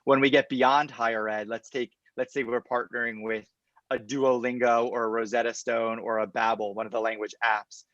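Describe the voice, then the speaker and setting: A man, answering questions in a confident startup pitch, explaining point by point on a video call. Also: level tone, moderate pace, fairly bright tone, no echo, highs cut off. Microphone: computer mic on a video call.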